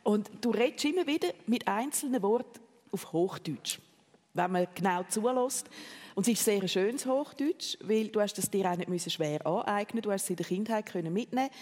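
Swiss German host, curious questions, mid pitch, long reverb. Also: expressive, a little fast, a little mellow. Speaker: interview host. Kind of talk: radio interview.

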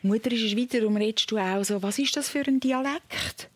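A woman with a Swiss German accent hosting a late-night call-in radio show, chatting and gently prompting her callers with questions. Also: fairly high pitch, fast talker, no room sound. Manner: conversational, probing, gently prompting.

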